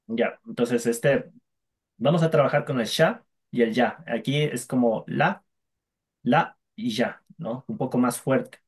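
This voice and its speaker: A man's voice: mid-range voice, slow pace, pauses often, darkish tone, husky. A man teaching a language class online, patiently drilling sounds for students to repeat.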